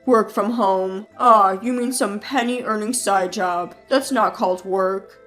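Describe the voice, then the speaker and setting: A woman's voice: mid-range voice, slow, fairly bright tone. A woman voicing a jobless older brother who talks down in a sneering, condescending way, with faint music behind. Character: jobless adult brother, sarcastic and belittling.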